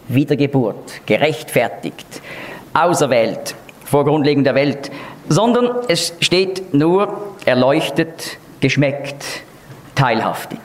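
A man teaching an expository Bible lesson in an emphatic, explanatory way, leaning hard on key words. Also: medium pitch.

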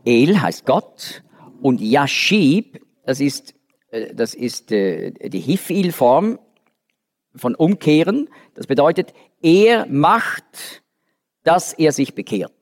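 A man's voice: a little high, sing-song, slow. A man giving a Bible study lecture, explaining step by step with frequent restarts and fillers. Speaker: Bible teacher. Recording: long reverb of a large hall.

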